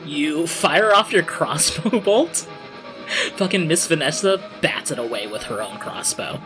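A man's voice: a little high, expressive, measured pace. A man working as game master, narrating scenes and explaining rules casually. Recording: music playing behind the voice. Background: background music.

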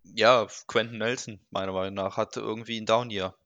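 A man's voice: fairly low pitch, steady tone, brisk, fairly bright tone, no room sound, dull audio. A man co-hosting a casual sports podcast, offering thoughtful opinions with plenty of hedging. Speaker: podcast co-host. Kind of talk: casual chat.

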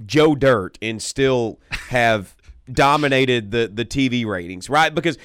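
A man's voice: medium pitch, expressive, measured pace, a bit bright, clear, resonant tone, no room sound, studio quality. An American man hosting a sports radio show, talking casually and emphatically, repeating points for stress. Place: radio studio.

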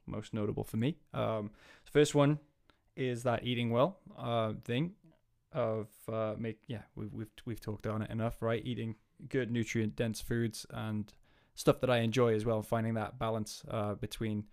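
A man's voice: fairly low pitch, little pitch movement, moderate pace, vocal fry, hardly any pauses, darkish tone. A man who works as a coach, talking in a casual chat in a rambling way, with many restarts. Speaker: guest, coach.

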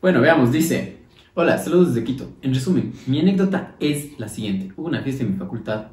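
A man's voice: mid-range voice, lively intonation, fairly quick, a little mellow. A man co-hosting a casual comedic podcast, joking and swearing as he talks. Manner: joking, swearing, laughs between lines. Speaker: podcast co-host. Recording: roomy and off-mic with faint hiss.

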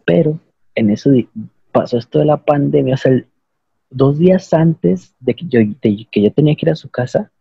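A man's voice: on the high side, normal speed, creaky, dark tone, slightly rough, no room sound, muffled recording. A young man with a Mexican accent telling a rambling, slangy, self-mocking story to friends on a call.

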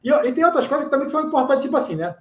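A man with a Brazilian Portuguese accent and a fairly high voice chats casually in an interview. He talks in slang and drifts into anecdotes with quick asides. The room around him is echoey. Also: big pitch swings. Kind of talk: casual chat.

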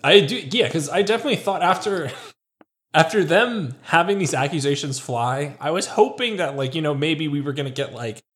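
A man chatting casually about a reality show, animated and quick to mimic people he quotes. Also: a little high. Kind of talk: casual chat.

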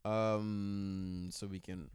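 Slow, laid-back profane podcast host man. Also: deep voice, level tone, clear, resonant tone, no echo. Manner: profane, laid-back, drawn-out shout-outs. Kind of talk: casual podcast chat. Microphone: close podcast mic.

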